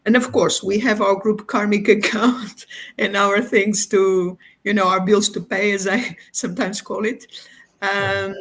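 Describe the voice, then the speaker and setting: A middle-aged woman from Portugal, a guest explaining her views in a thoughtful, unhurried way with frequent pauses. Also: mid-range voice, flat delivery, a bit bright. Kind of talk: explanatory conversation.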